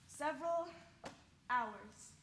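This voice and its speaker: A woman acting a brisk amateur detective on stage, asking businesslike questions. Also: high voice, lively intonation, exaggerated voice. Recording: distant echoey stage recording with faint hiss.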